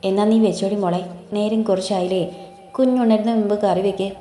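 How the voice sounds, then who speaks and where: A woman's voice: mid-range voice, fairly even intonation, a little fast, warm tone, reverberant, faint music behind, close to an everyday voice. A woman voicing a worried, devoted middle-aged mother in an audiobook story, speaking fondly and fretfully. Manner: fond, fretful.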